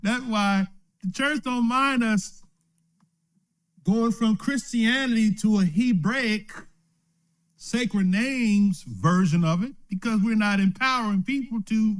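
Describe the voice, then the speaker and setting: This elder's voice is high-pitched with lively intonation, and he takes his time, leaving long pauses. He teaches a relaxed Bible lesson streamed live from home or a small study, asking "right?" after most points and often chuckling.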